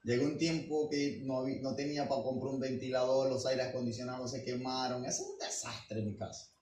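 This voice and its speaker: A man preaching a sermon as pastor, emphatic and full of rhetorical questions, swinging between quiet asides and loud declarations. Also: mid-range voice, steady tone, a little fast. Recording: roomy and distant with faint background noise.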